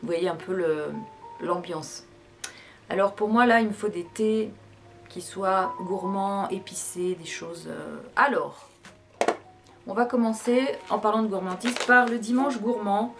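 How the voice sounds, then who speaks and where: A woman's voice: medium pitch, unhurried. A woman chatting casually about teas she drinks, hesitating often with fillers and restarts. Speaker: tea vlogger. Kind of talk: casual product review. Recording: background music.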